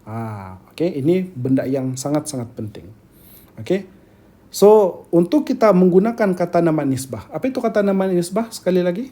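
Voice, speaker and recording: A man with a Malaysian accent teaching grammar in a lecture, speaking slowly, repeating key terms and often checking that students follow. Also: high-pitched, expressive, mellow.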